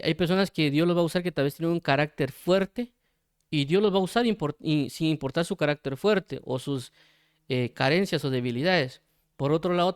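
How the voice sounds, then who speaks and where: A man's voice: on the high side, smooth, dry recording. Guy doing a casual bible commentary, dry close sound, chatty with lots of ums, plays out little back-and-forth dialogues. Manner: conversational, acts out imagined dialogues; hesitant, frequent fillers and restarts. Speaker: Bible teacher.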